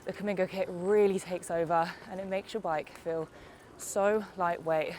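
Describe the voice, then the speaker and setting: This UK woman sounds congested from a summer cold, her lowish, darkish voice keeping a steady tone and moderate pace. She's young and chatty, explaining an upbeat e-bike review as she cycles outdoors on roads and hills, and there's a faint hiss or hum.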